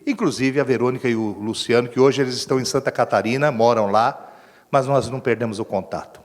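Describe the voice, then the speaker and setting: Lively Brazilian pastor preaching in echoey church. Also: male voice, medium pitch. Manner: animated storytelling preacher, acts out quoted speech. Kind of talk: sermon. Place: church hall. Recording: echoey church hall with long reverb.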